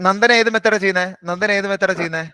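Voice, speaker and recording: A man teaching a live online maths class, briskly quizzing and coaxing students by name. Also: high voice, steady tone, bright, forceful tone, smooth, no room sound.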